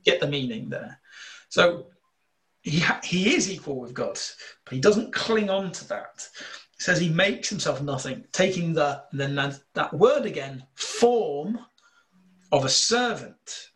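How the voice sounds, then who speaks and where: A man with a slight northern English accent, explaining scripture in a relaxed discussion, earnest and full of fillers. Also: a little high, a little slow. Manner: earnest, explanatory, thinking aloud with many fillers. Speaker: bible teacher. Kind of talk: casual theological discussion.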